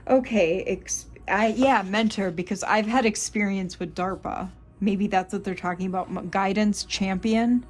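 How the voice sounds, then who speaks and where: Slow-talking exasperated woman reading tarot. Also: mid-range voice, faint music behind. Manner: exasperated, swearing, muttering asides. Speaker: tarot reader. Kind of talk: channeled tarot reading to viewers.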